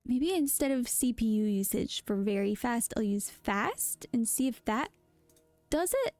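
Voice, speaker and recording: A woman's voice: a little high, animated, unhurried, darkish tone, no room sound, faint music behind. A woman guest on a casual chat stream, easygoing and laughing along.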